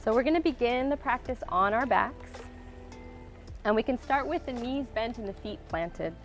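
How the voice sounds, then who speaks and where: Calm woman guiding a grounding breath exercise. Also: on the high side, normal speed, soft background music. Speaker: yoga instructor. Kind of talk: guided slow-flow yoga class. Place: outdoor waterside wooden deck.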